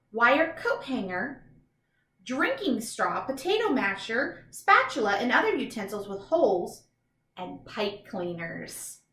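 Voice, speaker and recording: A teacher with a bright, fairly high voice reads a picture book for young children, recorded in an echoey space. Enthusiastic and instructive, she talks right to the kids and drops in chatty asides to explain things.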